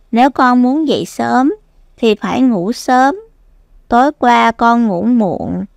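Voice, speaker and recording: Woman reading as a gentle, unhurried mother cat to a toddler. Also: on the high side, creaky, no room sound, clean studio sound, heavily acted. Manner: gentle, instructive. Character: caring, patient mother cat giving advice. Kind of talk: children's storybook reading to a toddler.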